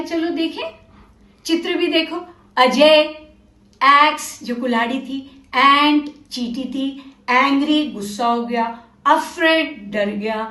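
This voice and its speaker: A woman with a high voice teaches a children's literacy lesson, drawing out her words slowly and deliberately. She prompts learners with questions and gives them time to pause and think. The room around her sounds roomy and echoey. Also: fairly bright tone. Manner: slow, deliberate, drawn-out words for young learners. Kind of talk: children's literacy lesson, mixing Hindi and English. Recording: roomy echo.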